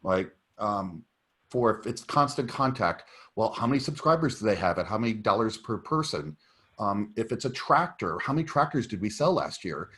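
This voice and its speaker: A man with a somewhat low voice talks over a video call. He gives firm advice, doubling back and restarting his sentences as he goes. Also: sing-song, normal speed, sharp tone. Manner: emphatic, advising, with fillers and restarts. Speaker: technical writer at a meetup. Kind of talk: casual video call discussion.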